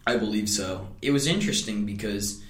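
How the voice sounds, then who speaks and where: A man's voice: fairly low pitch, a little fast, reverberant. A young man co-hosting a student sports podcast, chatting casually and animatedly about a college basketball game, laughing often. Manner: animated, laughs often, breaks into shouting imitations.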